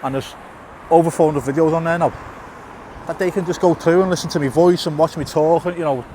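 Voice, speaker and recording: Strolling past a tunnel in a town, a middle-aged man vlogs casually to camera in a slightly high, mellow voice. His intonation stays fairly even and he talks a little fast, with slight background noise. The YouTuber has a lisp and stutters, repeating and restarting words and using fillers.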